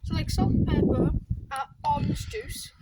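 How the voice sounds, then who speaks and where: Very high-pitched voice, hesitant casual chat. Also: wildly swooping pitch, moderate pace, heavy background noise. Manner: hesitant, thinking aloud in short phrases. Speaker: challenge participant guessing drink ingredients.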